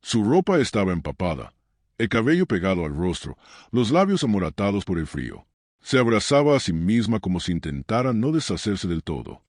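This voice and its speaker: A man narrating a scripted story in a measured way with dramatic pauses. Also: on the low side, big pitch swings, darkish tone, no echo, clean studio sound.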